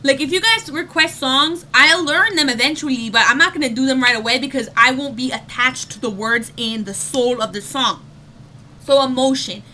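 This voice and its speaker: A woman's voice: high voice, moderate pace, pushed and bright, a little hiss or hum. A young woman giving casual singing tips in a home vlog, chatty with lots of fillers, breaking into short sung demo notes.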